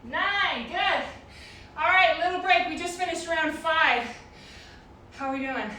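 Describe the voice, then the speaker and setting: A woman's voice: extremely high pitch, measured pace, sharp tone, far from the mic. A woman coaching a workout as an aerobics instructor, encouraging, calling out short cues and counting reps in a very echoey, noisy room away from the mic.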